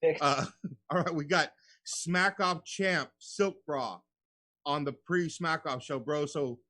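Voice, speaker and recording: A man's voice: a little high, slow pace, sharp tone, no room sound, studio quality. A man hosting a radio show in casual, slangy, buddy-like chat, often calling people bro.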